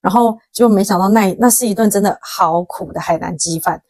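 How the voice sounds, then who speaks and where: Speaking quickly at a medium pitch, a young Taiwanese woman hosting her own podcast spins an animated story, performing the words of the people in it. Her Taiwanese Mandarin accent shows plainly, and the dry, close-miked recording carries no room sound as her casual monologue mixes quoted dialogue with slang.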